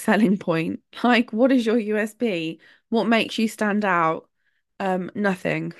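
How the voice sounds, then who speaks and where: On her solo podcast, a woman with a mid-range voice talks in a chatty, opinionated way, breaking into laughter between points. She has a sore throat. The sound is dry and studio quality.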